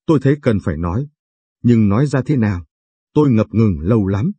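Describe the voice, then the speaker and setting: A man narrating a late-night storybook reading in a measured, confessional way. His voice sits low and sounds husky and mellow. The recording is close and dry, with no room sound. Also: lively intonation, dry recording. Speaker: story reader, channel host.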